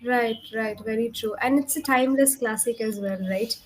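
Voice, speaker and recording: High-pitched young Indian woman tutoring. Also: normal speed, low-quality recording. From Kolkata, India. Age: young adult. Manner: instructive, frequent check questions. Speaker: English communication tutor. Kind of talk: one-on-one spoken English lesson.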